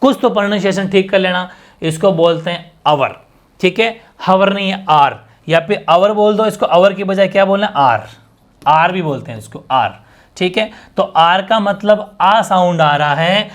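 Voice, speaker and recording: Male coaching-class teacher, a bit high-pitched, repeats himself and drills students with questions. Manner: explains by repeating and quizzing students. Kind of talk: exam-prep class lecture.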